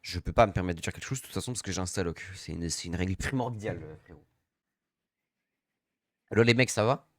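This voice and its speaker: A man's voice: deep voice, racing, few pauses, dry recording. A young man streaming a shooter game, grumbling in casual slangy chat to himself and his teammates.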